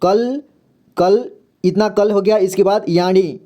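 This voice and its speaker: Patient Hindi-speaking teacher, mellow voice. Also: male voice, high-pitched, muffled recording. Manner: slow and repetitive, often says "theek hai". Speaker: English reading teacher. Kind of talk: step-by-step spelling lesson.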